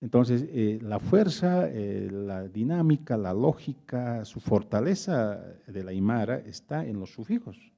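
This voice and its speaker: A man lectures to an audience and answers their questions. He stops often to search for words. His voice is deep-toned, dark and gravelly, and the recording sounds muffled and lo-fi. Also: lively intonation. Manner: hesitant, searching for words with many pauses. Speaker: invited speaker at a public talk.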